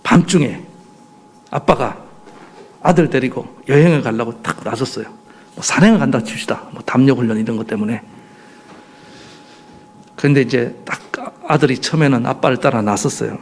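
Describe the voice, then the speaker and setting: A man's voice: mid-range voice, moderate pace, long pauses, breathy edge. A male pastor preaching a sermon emphatically, pressing the congregation with rhetorical questions.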